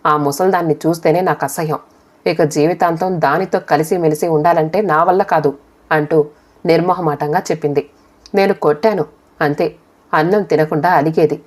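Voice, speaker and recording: తక్కువ స్థాయి గొంతుతో ఒక మహిళ నిదానంగా, స్థిరంగా కథను మొదటి వ్యక్తిలో చదువుతుంది. ఆడియో పుస్తకం తరహా కథనం. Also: female voice, sits low, normal speed. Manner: calm, steady first-person reading. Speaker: storyteller. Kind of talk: audiobook story narration.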